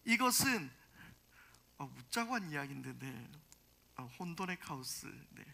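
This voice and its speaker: Pastor at the pulpit, sharp bright tone, presses points with questions to the congregation. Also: medium pitch, big pitch swings, unhurried, gravelly. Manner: emphatic, with rhetorical questions to the congregation. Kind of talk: Sunday sermon.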